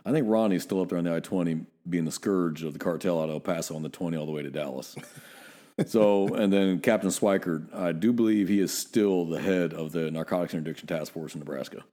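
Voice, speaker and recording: A man's voice: deep voice, brisk, warm tone. A middle-aged man from Northern California, a police officer co-hosting a podcast, telling blunt, profane stories in casual chat.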